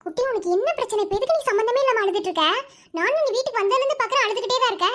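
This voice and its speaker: A woman's voice: very high voice, expressive, rapid-fire, a bit bright, faint music behind. A woman voicing a caring aunt in a cartoon who coaxes and scolds her niece. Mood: coaxing. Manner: coaxing, scolding.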